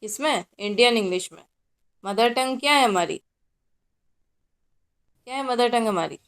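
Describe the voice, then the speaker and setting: A woman's voice: on the high side, normal speed, a bit bright. A young woman college lecturer with a Hindi accent, teaching a class in a mix of Hindi and English and answering her own questions.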